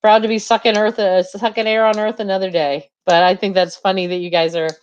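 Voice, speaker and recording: A woman's voice: mid-range voice, flat delivery, brisk, clean tone, muffled recording. A woman in her forties co-hosting a live stream, chatting jokingly and reading out viewer comments. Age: 40s. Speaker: co-host of live show. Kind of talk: casual live stream chat.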